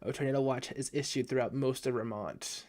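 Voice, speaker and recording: A man's voice: mid-range voice, fairly even intonation, a little fast, darkish tone. A drunk man giving casual live reaction commentary from his room, rambling, swearing and stumbling over his words. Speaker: live streamer reacting to a video.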